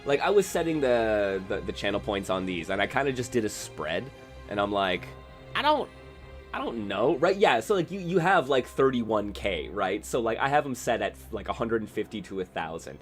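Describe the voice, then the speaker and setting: Male streamer, casual rambling chat over gameplay; low voice, very lively pitch, faint music under. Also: moderate pace. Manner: rambling, self-correcting, chatty. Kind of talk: casual live-stream chat while gaming.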